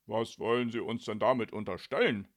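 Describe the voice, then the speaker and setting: A man's voice: medium pitch, animated, a little slow, creaky. A man voicing a young man who grumbles and protests indignantly in a storybook reading.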